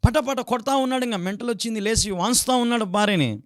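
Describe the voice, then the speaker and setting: A man's voice: very high voice, quick pace, dry recording, clean studio sound. A male pastor with a Telugu accent preaching a sermon, who acts out quarrels in raised voices and often calls out hallelujah. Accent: Telugu, Andhra Pradesh. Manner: fervent exclamations of hallelujah.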